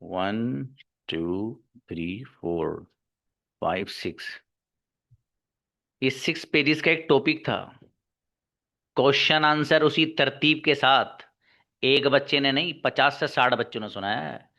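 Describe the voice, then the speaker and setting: A man's voice: mid-range voice, fairly even intonation, moderate pace, sharp tone. A male English teacher lecturing his class, scolding and exhorting his students to work hard. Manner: scolding, exhorting, calls students son and daughter. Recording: dull lo-fi recording.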